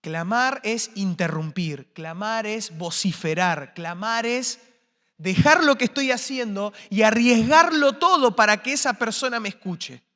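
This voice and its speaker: A man preaching a sermon as pastor, swinging between impassioned calls and hushed, slow lines. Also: high voice, expressive. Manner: impassioned, rising to shouts then dropping to quiet. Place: church sanctuary. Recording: long church reverb.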